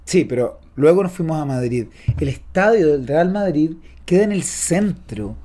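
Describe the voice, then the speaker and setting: A man's voice: fairly high pitch, expressive, moderate pace, mellow. A young man with a Chilean accent, joking and boasting in slangy improvised comedy banter. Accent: Chilean Spanish. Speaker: comedy cast member.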